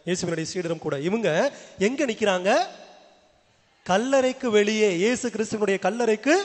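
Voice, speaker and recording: A man's voice: high voice, moderate pace. A man with a Tamil accent preaching a sermon as a priest, asking the congregation question after question. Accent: Tamil Nadu. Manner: repeats rhetorical questions to the congregation. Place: large church. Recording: long church reverb.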